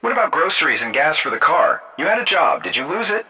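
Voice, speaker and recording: A man's voice: fairly high pitch, sing-song, quick pace, pushed and bright, voice pushed up, heavily acted, poor audio. A man voicing an angry, demanding wife in a read-aloud story, speaking sharply and accusingly.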